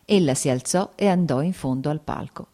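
A woman narrating an audiobook of a classic novel in a measured, even storytelling manner. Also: low-pitched.

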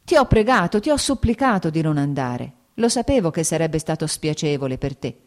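A woman's voice: sits low, sing-song, fairly quick, a little mellow. A woman reading the lines of a stern, reserved young male officer in a curt, cold manner. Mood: pleading.

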